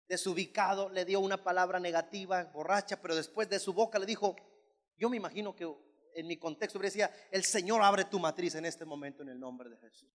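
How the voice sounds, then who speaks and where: A male pastor preaching a sermon, emphatic and repetitive as he tells a story. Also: high voice. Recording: long church hall reverb.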